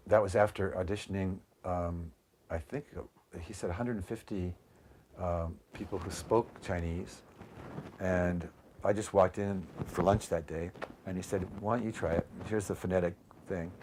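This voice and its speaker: A man's voice: low voice, darkish tone, slight background noise. A man telling anecdotes in a casual interview, meandering with lots of ums and restarts.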